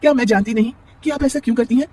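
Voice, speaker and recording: A man voicing a sharp-tongued, defiant young married woman in a storybook tale. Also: extremely high pitch, racing, slightly rough, no room sound, voice pushed up.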